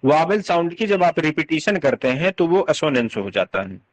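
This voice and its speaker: Male literature tutor, fairly high voice, patient step-by-step explainer, radio-style sound. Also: very animated, moderate pace, rough recording. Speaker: English literature teacher. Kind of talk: exam-prep lecture.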